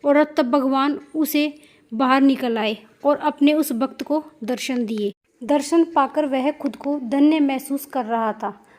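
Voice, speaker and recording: High-voiced woman telling a devotional story. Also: takes it slowly. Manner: steady, plain storytelling with repeated phrases.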